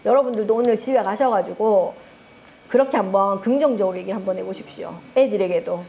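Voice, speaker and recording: A middle-aged woman with a Gyeongsang Korean accent gives a lively talk to a seminar audience as a network marketing group leader, teasing them and asking them questions. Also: mid-range voice, fast, gravelly, a little hiss or hum. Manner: animated, teasing, asks the audience often and laughs. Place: seminar room with a live audience.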